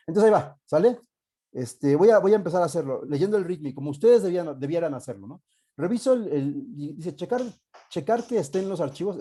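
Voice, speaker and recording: A man's voice: on the high side, dark tone, breathy edge. A man with a Mexican accent giving a live online class as a university teacher, talking casually, thinking aloud with many fillers and joking asides.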